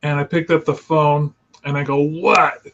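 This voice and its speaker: A middle-aged illustrator and regular on a show tells anecdotes over a video call, theatrical and quick, with a slightly high voice. He laughs often and bursts into a showy phone greeting delivered in one breath, all in casual storytelling captured in slightly dull lo-fi call audio.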